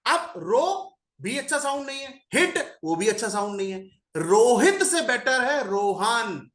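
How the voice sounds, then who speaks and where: Animated, unhurried male numerology teacher. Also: very high voice, echoey room. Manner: repeats syllables over and over, drawn out for emphasis. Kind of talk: explanatory lesson.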